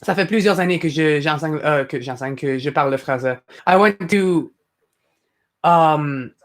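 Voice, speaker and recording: Talking at a moderate pace in a fairly high voice, a young native English-speaking man runs a relaxed live stream. His commentary to viewers is chatty and meandering, packed with fillers and false starts.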